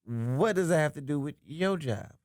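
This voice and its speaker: A man's voice: fairly high pitch, expressive, darkish tone, dry recording. Teasing Southern man co-hosting. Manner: teasing, quick to laugh, repeats "wait". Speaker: co-host and pastor. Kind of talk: casual banter.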